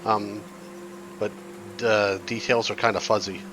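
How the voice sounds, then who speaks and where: A man's voice: lowish voice, little pitch movement, unhurried, fairly bright tone, slight background noise. A man running a tabletop game as game master, chatting loosely and narrating scenes with frequent laughs.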